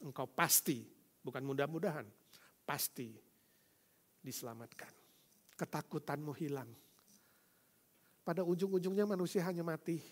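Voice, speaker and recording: A man preaching a sermon, swinging between loud proclamations and soft, quiet passages, addressing listeners as brothers and sisters and asking them direct questions. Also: on the high side. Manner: calls the audience "saudara" and asks them direct questions. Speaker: pastor.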